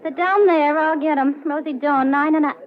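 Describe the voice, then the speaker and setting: A woman's voice: high voice, steady tone, moderate pace, lightly acted. A woman playing a harried, brusque salesgirl in a 1940s radio drama, impatient and nagging. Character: harried, impatient female stocking-counter salesgirl. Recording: noisy, dull vintage radio recording.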